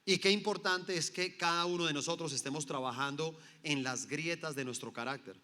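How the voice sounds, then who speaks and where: A man's voice: a little high, normal speed, sharp tone, long reverb tail. A man, preaching a sermon as a pastor and emphatically asking his congregation rhetorical questions.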